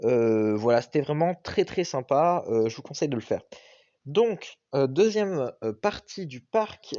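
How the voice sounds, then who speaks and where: Young man, vlog voice-over, enthusiastic, hesitant, high-ish mellow voice, dull lo-fi dry recording. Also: no room sound. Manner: chatty, enthusiastic, frequent hesitations. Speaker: vlogger.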